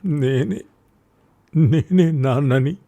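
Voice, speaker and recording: A man's voice: extremely slow, gravelly, full character voice. Man voicing Satyam, frantic farmer father. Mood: tearful. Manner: shouting urgently, voice raised high. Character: desperate middle-aged male farmer, frantic and grieving.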